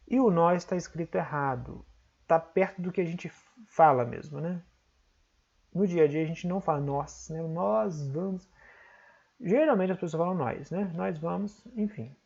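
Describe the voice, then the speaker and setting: A Brazilian-accented man gives an online exam-prep lesson, walking through each point and checking in with short tag questions. His voice has a gravelly, creaky edge. The recording sounds dull and lo-fi. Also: a little high, normal speed, a little mellow. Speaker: teacher.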